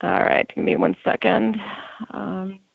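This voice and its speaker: A woman's voice: medium pitch, wildly swooping pitch, slow, vocal fry, husky, no room sound. A woman presenting casually in conversation, hesitant as she goes, heard over a tinny call. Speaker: guest presenting audio programs. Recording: tinny phone-like call, dry.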